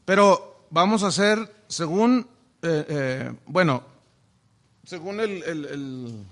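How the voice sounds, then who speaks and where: High-voiced man teaching scripture. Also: lively intonation, slow, fairly bright tone. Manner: asks the audience frequent rhetorical questions. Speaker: pastor teaching Bible study. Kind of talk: sermon-style Bible teaching. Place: church classroom with a whiteboard.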